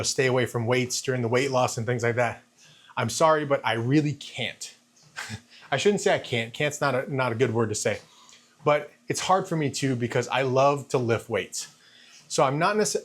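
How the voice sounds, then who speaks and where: Man in his fifties talking on a treadmill. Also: medium pitch. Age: 50s. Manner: talking while walking on a treadmill. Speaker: fitness vlogger. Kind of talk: casual vlog monologue.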